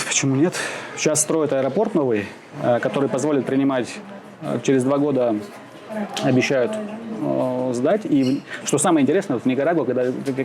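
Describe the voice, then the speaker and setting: A man from Siberia being interviewed outdoors in the shade, answering slowly with many pauses, fillers and restarts. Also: mid-range voice. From Russia (Siberia). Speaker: interviewee, expat businessman. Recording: outdoor crowd noise behind.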